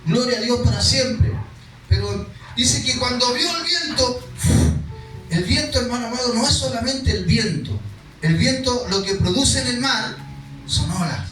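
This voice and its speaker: High-voiced pastor preaching in an echoey hall. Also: male voice, expressive, measured pace, a bit bright, far from the mic, soft background music. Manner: reads scripture then explains it conversationally, acting out cries. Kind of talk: sermon. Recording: echoey hall, speaker away from the mic.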